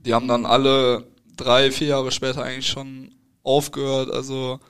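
Young male footballer guest, even, smooth voice, casual and hesitant. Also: mid-range voice, moderate pace. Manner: relaxed, hesitant with fillers and restarts. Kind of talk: casual interview answers.

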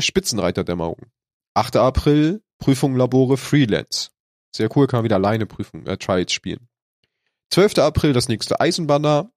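A man's voice: medium pitch, dry recording, clean studio sound. Congested, nasal man hosting a podcast. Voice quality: congested, stuffy nasal voice from a cold. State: snotty with a cold. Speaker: podcast host. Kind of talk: casual podcast talk.

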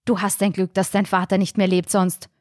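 A woman's voice: mid-range voice, flat delivery, brisk, no room sound, studio quality, close to an everyday voice. A woman voicing a strict, pious older mother who speaks sharply and hisses her words. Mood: indignant. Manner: sharp, hissing, voice cracking.

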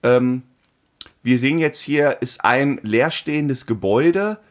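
A man in casual chat, telling an animated story and acting out the phone calls in it. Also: medium pitch, slow.

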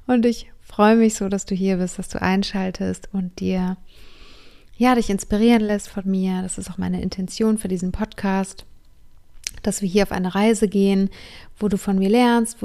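A woman's voice: medium pitch, warm tone, smooth. Enthusiastic woman in her thirties. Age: 30s. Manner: enthusiastic, heartfelt, mixing in English words. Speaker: podcast host and yoga teacher. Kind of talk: personal storytelling monologue.

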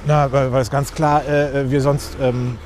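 A man's voice: mid-range voice, flat delivery, a little slow, a little mellow, slight background noise. A man, answering interview questions outdoors with many fillers and restarts. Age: 40s. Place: outdoors on a street.

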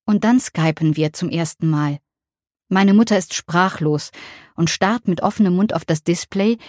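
Calm reflective audiobook narrator, woman; lowish mellow voice, dry close sound. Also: dry recording. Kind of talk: audiobook reading.

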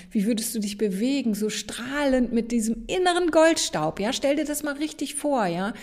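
A woman hosting a motivational podcast, speaking straight to the listener in an encouraging way and often checking in with a quick "ja?". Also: on the high side, darkish tone. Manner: encouraging, addresses listener directly, frequent "ja?" tags. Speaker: podcast host, motivational coach.

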